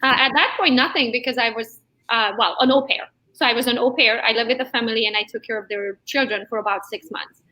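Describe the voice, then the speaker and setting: This low-quality recording features a fast-talking real estate agent, around forty, whose voice is bright and fairly high. Raised in Transylvania, Romania, with Hungarian as her first language, she's an interview guest who laughs a lot while telling stories animatedly.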